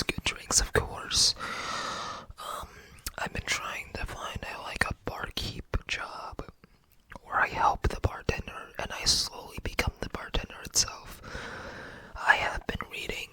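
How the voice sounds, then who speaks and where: An ASMR creator from the United States rambling casually in a breathy whisper, hesitant, self-effacing and often searching for words. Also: bright, forceful tone, poor audio.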